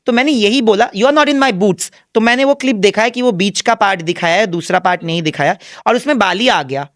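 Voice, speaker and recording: A young man answering interview questions candidly, in an animated, emphatic way, mixing Hindi and English and acting out remarks he quotes. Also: high-pitched, quick pace, no room sound, clean studio sound. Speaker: reality show contestant as interview guest.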